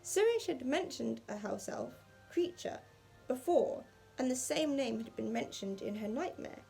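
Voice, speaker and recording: A woman's voice: high-pitched, animated, a little slow, vocal fry, mellow, slightly rough, soft background music, low-quality recording. A woman in her twenties reading her old fan fiction aloud and commenting candidly, poking fun at her own writing. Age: 20s. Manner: candid, self-deprecating.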